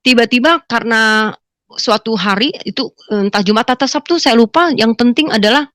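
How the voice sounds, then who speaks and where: Lively middle-aged woman telling her testimony. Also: on the high side, normal speed, no echo, studio quality. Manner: animated storytelling, acts out her own exclamations loudly. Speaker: testimony speaker. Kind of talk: personal conversion testimony to a congregation.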